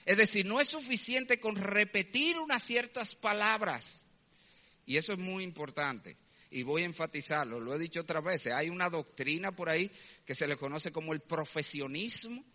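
A man's voice: high voice, moderate pace, bright, forceful tone. A man preaching a sermon as a pastor, emphatic, acting out quoted voices and asking rhetorical questions. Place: church. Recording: long church hall reverb.

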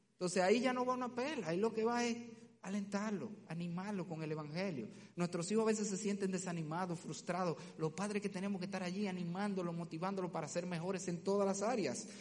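A man preaching a sermon as pastor, forceful and emphatic, at times slowing and dropping to a soft, low voice. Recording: long hall reverb.

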